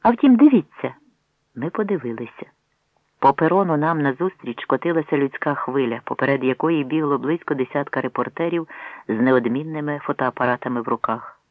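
This is an audiobook reading with acted dialogue: a man narrates a novel a little fast and alters his pitch to play the characters. The recording has no room sound and a tinny, phone-like tone.

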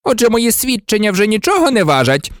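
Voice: medium pitch, huge pitch swings, a little slow, a little mellow, no room sound, clean studio sound, voice pushed up. A reader voicing a cold, sneering middle-aged male professor in a storybook, full of contempt.

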